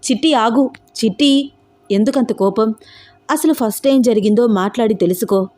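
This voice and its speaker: A woman voicing a calm young man in a storybook romance, reasoning patiently and persuasively. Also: a little high, moderate pace, soft background music, close to an everyday voice. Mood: puzzled.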